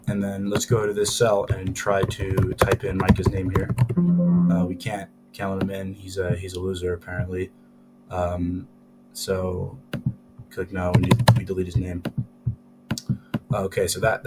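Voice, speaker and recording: A deep-voiced man talks through a thick, sore, swollen throat as he presents a casual software tutorial. His delivery is very flat and hesitant, picked up by a cheap laptop mic. Music plays clearly behind him. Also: measured pace. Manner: hesitant, informal. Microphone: laptop's built-in microphone.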